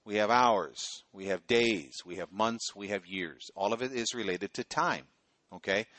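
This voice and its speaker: A middle-aged man, a pastor, delivers his sermon in a chatty way, frequently asking listeners "okay?" His voice is lowish, a little slow, and a bit bright, on a dry recording.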